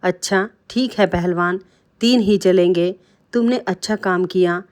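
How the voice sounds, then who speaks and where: A woman's voice: fairly low pitch, measured pace, darkish tone, close to an everyday voice. A woman reading aloud the lines of a greedy, scheming male king in a storybook tale, in worried and bossy dialogue close to her own narrating voice.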